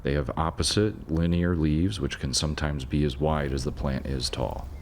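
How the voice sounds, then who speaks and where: A man giving a measured, scripted narration of a nature video, with dry asides now and then. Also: a bass voice, fairly even intonation, slight background noise. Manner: measured, informative, dry asides about pronunciation.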